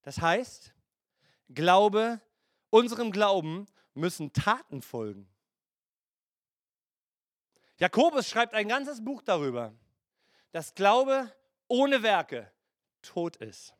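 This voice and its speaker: A man delivers a sermon in an unusually high voice, taking his time with each phrase. He slips into playful mimicry of hesitant listeners. The sound is dry and close. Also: sing-song, slow pace, no room sound. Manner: preaching with acted asides and playful mimicry. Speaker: pastor.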